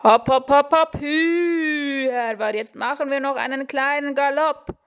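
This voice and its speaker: A woman reading aloud, voicing an excitable male riding therapist who shouts orders. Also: high-pitched, a little slow, voice pushed up. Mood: urging. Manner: loud, commanding, breathless urging.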